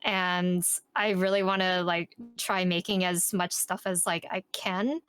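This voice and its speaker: A woman's voice: on the low side, level tone, measured pace, a bit bright. A woman chatting upbeat about her art and plans, with many fillers. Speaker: artist in a group drawing stream. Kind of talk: casual chat.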